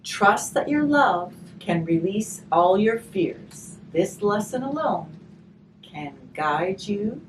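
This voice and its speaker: The recording, made from a distance with faint noise behind it, captures a hospice volunteer reading to children. Her medium-pitched voice moves slowly and expressively through a picture book, broken up by chatty questions.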